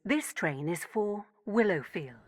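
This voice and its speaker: A woman's voice: mid-range voice, expressive, slow, noisy background. A woman giving an automated onboard train announcement in formal, clipped phrasing.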